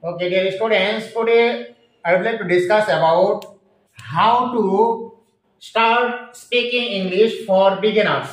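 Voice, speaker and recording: A man teaching English to a class. He says each sound slowly and has the students repeat it back. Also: high voice. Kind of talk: classroom teaching with call-and-response drills. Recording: echoey room, voice from far off.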